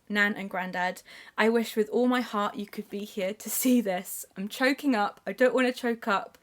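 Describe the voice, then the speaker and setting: A nineteen-year-old woman, talking earnestly and emotionally to camera in a heartfelt vlog. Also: a little high. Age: 19, late teens. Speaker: YouTuber and debut author.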